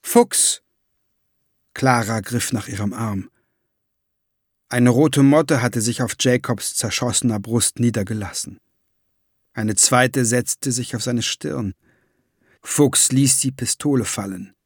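Gravelly, husky male narrator. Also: mid-range voice, slow, no room sound, clean studio sound. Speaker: audiobook narrator. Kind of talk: scripted narration.

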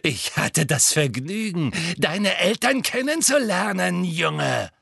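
A man's voice: high voice, very animated, slow pace, vocal fry, pushed and bright, slightly rough, no echo, studio quality, voice pushed up, full character voice. A man voicing a gleeful, cruel female witch who taunts with open delight in an audiobook. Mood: gleeful cruelty. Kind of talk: audiobook character voice.

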